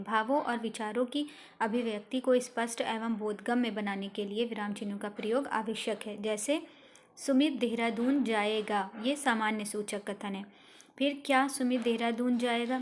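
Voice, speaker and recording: Woman teaching schoolchildren, higher voice, patient lesson reading with faint background noise. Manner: addresses children, reads examples aloud. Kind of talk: classroom lesson explanation.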